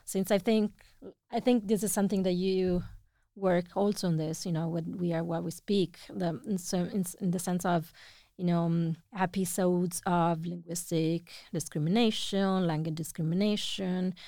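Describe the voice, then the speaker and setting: A woman in her thirties, a native Italian speaker with an Italian accent, tells a story in casual conversation, animated and often laughing. Her voice sits on the low side at normal speed, recorded at studio quality with no room sound.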